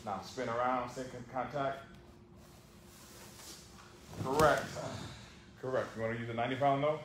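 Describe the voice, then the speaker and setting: A man's voice: medium pitch, fairly even intonation, normal speed. A man coaching judo in a large gym, calling short commands and repeating cues. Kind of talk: hands-on coaching. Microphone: camera on the floor. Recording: echoey gym with background noise.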